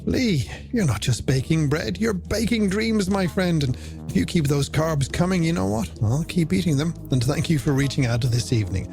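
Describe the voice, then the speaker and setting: With a fairly high voice, vocal fry, and a normal speaking speed, an Irish radio host fronts a late-night music program. He delivers it in a polished, theatrical style, with ornate wording and rhetorical questions, as music plays underneath.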